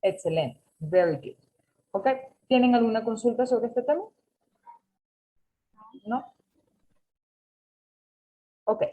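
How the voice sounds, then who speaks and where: A woman's voice: fairly high pitch, animated, slow, pauses often, dark tone, poor audio. A woman teaching an English class over a video call, patiently correcting students and mixing with English. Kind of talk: online class instruction.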